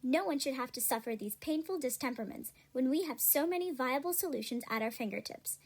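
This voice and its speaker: A woman playing an upbeat, salesy pitchwoman in a parody pharmaceutical ad, persuasive and scripted. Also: expressive, a little fast. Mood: upbeat sales pitch. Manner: salesy, persuasive announcer delivery. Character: upbeat 17th-century female drug-commercial pitchwoman selling cures.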